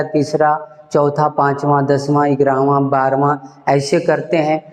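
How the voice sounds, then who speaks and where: A man's voice: fairly high pitch, a little mellow. A man teaching a whiteboard language lesson who repeats each term, asks viewers to say it back and keeps checking that they have understood. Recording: echoey room with long reverb.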